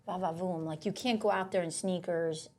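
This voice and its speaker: Animated young woman telling stories. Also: lowish voice. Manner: animated storyteller, quick asides. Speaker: guest, bridal shop owner. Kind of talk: casual podcast chat.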